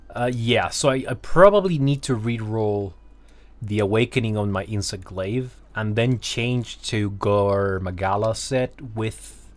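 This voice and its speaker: A man with a lowish voice streams a video game and chats loosely with his viewers. He swears freely and laughs at himself.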